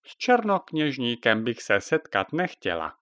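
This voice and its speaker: A man voicing a cranky female witch who rides a broomstick, croaky and bossy, scolding her companion. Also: mid-range voice, wildly swooping pitch, fairly bright tone, no echo, clean studio sound.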